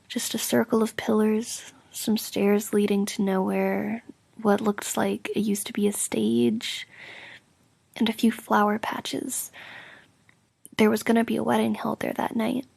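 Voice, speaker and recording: Slow, breathy woman in ASMR role-play as sleepy girlfriend. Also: a little high, no echo. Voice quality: soft, breathy soft voice with creaky edges. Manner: slow, drowsy, intimate. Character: affectionate sleepy girlfriend recounting a dream. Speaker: roleplay audio performer playing a sleepy girlfriend.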